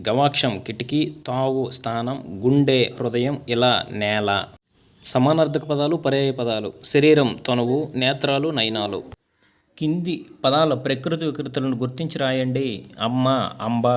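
A man teaching a school lesson, reading out its questions and answers in a steady, measured, listing way. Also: mid-range voice.

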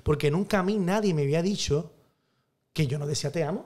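A man's voice: on the high side, quick pace, a little mellow. A man who is a priest, telling a personal story emphatically in an interview and acting out the dialogue.

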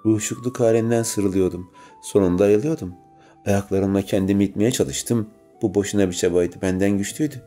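Man narrating with a dark low voice. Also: a little fast, faint music behind. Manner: tense, dramatic reading. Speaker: audiobook narrator. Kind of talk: first-person story narration.

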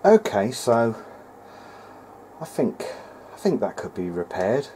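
A man's voice: on the low side, big pitch swings, slow, background noise. A man thinking aloud in a hesitant way as he gives casual hands-on repair commentary at an indoor workbench. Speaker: hobbyist repairer presenting a video diary.

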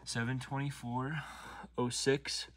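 A man calmly walking through a steering wheel module install from inside his truck, filmed on a phone while he works, with a few near-whispered asides. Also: medium pitch, no room sound. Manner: slow, methodical, talking while working, some near-whispered asides. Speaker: DIY car tutorial maker. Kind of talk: step-by-step how-to narration.

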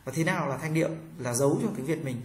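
A man teaching a pronunciation lesson, drawing out model syllables slowly for learners to repeat. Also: on the high side, a little mellow, echoey room.

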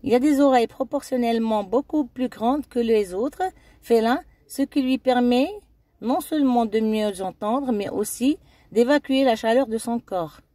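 A woman narrates a scripted documentary in a steady reading voice. Her tone is warm and mellow rather than bright. The recording is dry and close. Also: a little high, moderate pace, no echo. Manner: steady reading with occasional slips. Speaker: narrator of a documentary-style video.

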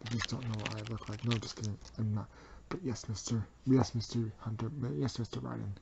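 A man voicing a sneaky male plush-bear double agent in a homemade toy video, muttering low and quiet. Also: steady tone, brisk, creaky, lo-fi sound, noisy background. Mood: scheming.

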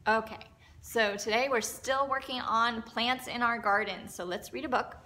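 A woman's voice: on the high side, fairly even intonation, normal speed, pushed and bright, a little hiss or hum. A middle-aged woman teaching preschool circle time in an encouraging, instructional kindergarten teacher voice, as if speaking to young children. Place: indoor classroom.

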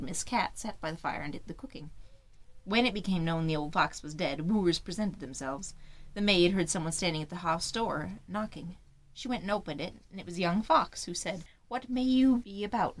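A woman reading classic fairy tales aloud in a measured, unhurried storybook manner. She narrates scripted text as an author-reader, steady and even. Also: on the low side.

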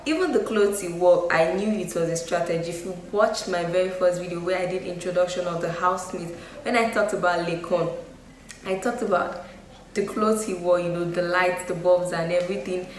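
A woman's voice: on the low side, steady tone, fairly quick. A young woman giving her opinions in a casual vlog, talking loosely with lots of fillers. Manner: chatty, frequent "you know" and "um" fillers. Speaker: YouTube vlogger. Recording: echoey room with faint noise.

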